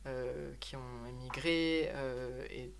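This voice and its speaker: A woman interprets interview answers consecutively, pausing to search for words and correcting herself as she goes. Her voice sits very low for a woman. She speaks in an even, flat line. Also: creaky, a little hiss or hum. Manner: hesitant, many euhs and self-corrections.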